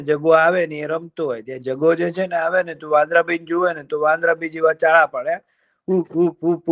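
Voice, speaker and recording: A man telling a folk tale to children in a folksy, chatty way over a video call. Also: a little high. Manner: folksy and chatty, fillers, lively voices for characters. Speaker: children's storyteller.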